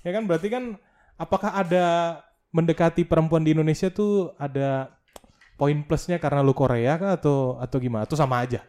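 A man's voice: fairly high pitch, brisk, dark tone. A young man hosting a casual podcast, asking questions in a playful, teasing way. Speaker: podcast host. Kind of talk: casual chat.

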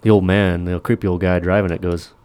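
A man's voice: low voice, flat delivery, a little fast, a little mellow, smooth. A man hosting a podcast, chatting casually, telling jokes and laughing often. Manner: laid-back, laughs often, rambling storyteller. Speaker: podcast host. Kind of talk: casual chat and joke telling.

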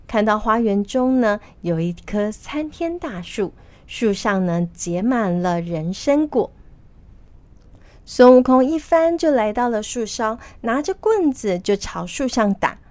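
A woman reads a children's story aloud with lively expression, her voice rising and falling a great deal. Her pitch sits a little high, and the recording is dry and close. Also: a little slow, no echo. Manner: animated, expressive.

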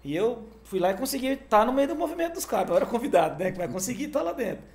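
A man telling a story in a casual interview, animated and peppered with "cara", acting out the other voices in it. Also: extremely high pitch, fast talker. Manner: animated, fills talk with "cara", acts out quoted dialogue. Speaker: guest, music manager.

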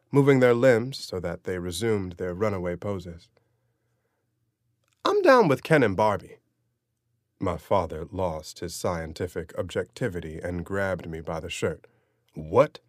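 A male audiobook narrator with a dry, sardonic delivery. His voice sits low but swings widely in pitch as he tells the story. The recording is dry and close. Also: no echo. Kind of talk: scripted narration.

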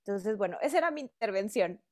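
A woman's voice: medium pitch, animated, quick pace. A woman with a northern Mexican accent speaking earnestly and reflectively as a panelist. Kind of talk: panel discussion.

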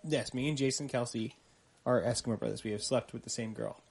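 A man's voice: medium pitch, fairly quick, gravelly, husky. A man co-hosting a casual sports podcast, joking and rambling as he tells stories. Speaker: podcast co-host.

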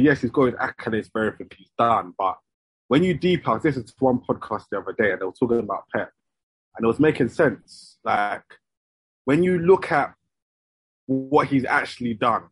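A man's voice: lowish voice, breathy edge, dry recording, low-quality recording. A young man with an urban London roadman accent giving opinions in casual, slangy podcast talk. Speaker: football podcast panellist. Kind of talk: casual chat.

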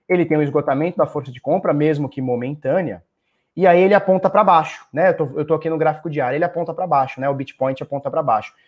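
A chatty Brazilian man runs a casual live stream, talking straight to his viewers and firing questions at them. His voice sits a little high for a man, and he livens it up with playful sound words. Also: a little mellow. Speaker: crypto market live-stream host.

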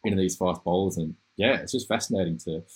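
A man's voice: low-pitched, quick pace, husky, low-quality recording. A man hosting a casual podcast interview, talking enthusiastically and rambling, often restarting his phrases. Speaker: podcast host.

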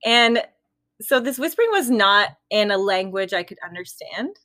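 Young woman, casual spooky storyteller, giggly, mid-pitched, dry close sound. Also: lively intonation, moderate pace, fairly bright tone, no echo. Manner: giggly, laughs between sentences. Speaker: storytelling guest.

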